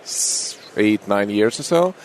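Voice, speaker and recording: A man talks in an easy, unhurried manner. He is a middle-aged doctor being interviewed and sounds friendly. A faint hiss of noise sits under his voice. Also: fairly low pitch, lively intonation. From Russia. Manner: unhurried, friendly, with small grammar slips. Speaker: anesthesiologist guest. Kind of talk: casual interview conversation.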